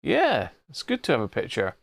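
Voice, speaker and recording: A gravelly, mid-range voice with huge pitch swings belongs to a middle-aged Englishman hosting a radio hobby live stream at a moderate pace. He chats informally, rambling and thinking aloud as he demonstrates. The wireless body-pack mic captures no room sound.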